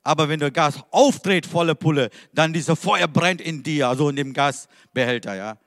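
A man's voice: on the high side, normal speed, fairly bright tone, studio quality. Man preaching in a reverberant hall. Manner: emphatic, questioning the listeners directly. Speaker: pastor. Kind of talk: sermon.

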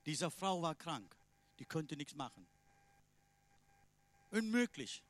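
A man preaching a sermon in non-native German phrasing, emphatic, swinging between loud declarations and quiet asides. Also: fairly high pitch, very animated, takes it slowly.

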